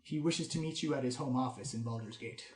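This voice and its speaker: Brief: male game master narrating a tabletop game, stops and restarts often, roomy echo. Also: medium pitch. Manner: halting, with many restarts and fillers.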